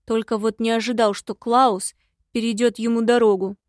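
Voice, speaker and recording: A woman voicing a secretive, grumbling male imp in an audiobook, speaking slowly and gruffly. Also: on the high side, little pitch movement, a little mellow, dry recording, studio quality, natural voice. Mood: glum.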